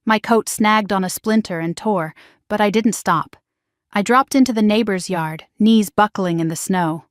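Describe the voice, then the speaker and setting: A woman telling a first-person suspense story as scripted narration, steady and dramatic. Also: mid-range voice, no echo, clean studio sound.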